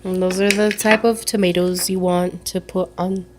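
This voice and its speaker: A woman's voice: lowish voice, level tone, moderate pace. A woman casually hosting a cooking demonstration, loosely explaining each step as she goes. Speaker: cooking video host. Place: kitchen, indoors. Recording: clear kitchen noise, sizzling and pans.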